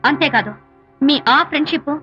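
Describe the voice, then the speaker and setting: A woman's voice: sits high, fairly quick, natural voice. An actress playing a proud, jealous young wife who snaps back at her husband in an old film scene. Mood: indignant. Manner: indignant, cutting retorts. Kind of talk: 1990s film dialogue. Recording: muffled film soundtrack with music.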